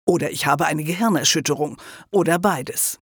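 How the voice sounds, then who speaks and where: A man's voice: on the high side, moderate pace, fairly bright tone, slightly rough, no echo, studio quality. A man voicing a young man on the run who sounds scared, sarcastic and disbelieving, in an audiobook. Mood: despairing.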